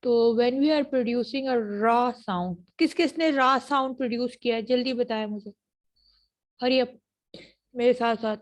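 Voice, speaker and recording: Woman with a Pakistani accent, teaching phonetics. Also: a little high. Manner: checks in often with short questions to students; models sounds slowly and deliberately. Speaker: university lecturer. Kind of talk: online phonetics lecture. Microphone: computer mic for an online class.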